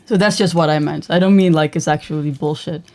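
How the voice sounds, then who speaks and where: A woman co-hosting a casual livestream chat with her husband, blunt and quick to laugh, prone to exaggerating on a roll. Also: sits low, steady tone, darkish tone. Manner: blunt, laughs easily, says she exaggerates when on a roll. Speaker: co-host of a couple's livestream.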